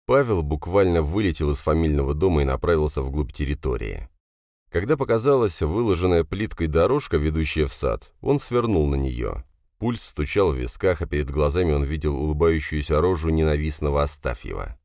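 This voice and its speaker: A man reading an audiobook aloud as a steady, measured narrator. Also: extremely low pitch, dry recording, studio quality. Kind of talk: scripted narration.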